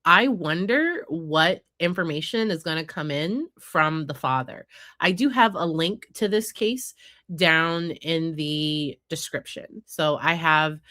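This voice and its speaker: A woman psychologist hosts a casual commentary on news cases, her deep voice sharp in tone and her pace slow. A head cold leaves her congested and nasal, and she talks conversationally with frequent fillers. The recording is dry.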